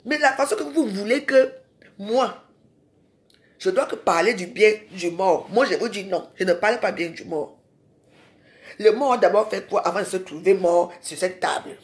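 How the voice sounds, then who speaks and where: A woman's voice: mid-range voice, lively intonation, moderate pace. A woman ranting in a live social media video. She is confrontational and scolding and keeps firing rhetorical questions at her viewers.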